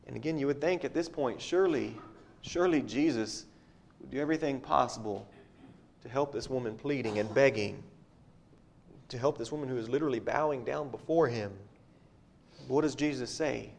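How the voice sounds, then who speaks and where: A man's voice: medium pitch, moderate pace, vocal fry, pauses often, a little hiss or hum. A man preaching a sermon, reading scripture aloud and stopping to ask his listeners rhetorical questions, often repeating a word as he goes.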